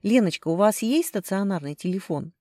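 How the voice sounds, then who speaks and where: A woman's voice: mid-range voice, animated, fairly quick, warm tone, no room sound, clean studio sound, pitched above the performer's own voice, natural voice. Woman voicing a practical young woman friend. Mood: matter-of-fact.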